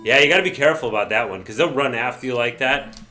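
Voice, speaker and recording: A man casually commenting while playing an old baseball video game, excitable, shouting at the players and grumbling when things go wrong. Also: mid-range voice, fast, soft background music. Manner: excitable, swears mildly, yells at the game. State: says he is drunk. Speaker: let's play gamer.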